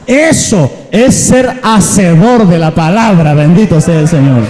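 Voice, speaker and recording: A male pastor preaching a sermon with emphatic delivery, often rising to a shout. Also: high voice, animated, a little slow. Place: church hall. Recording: echoey church hall.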